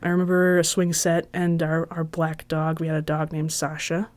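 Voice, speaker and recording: An American woman appears as a podcast guest in a casual storytelling interview, recalling her childhood in a chatty, self-deprecating way and laughing often. Her voice is low and completely flat, at a normal speed, and the recording is dry.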